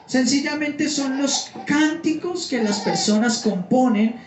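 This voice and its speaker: A man's voice: extremely high pitch, takes it slowly, background noise. A man preaching a teaching sermon to his congregation, explaining terms and asking them questions. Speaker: pastor. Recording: roomy sound from a distance.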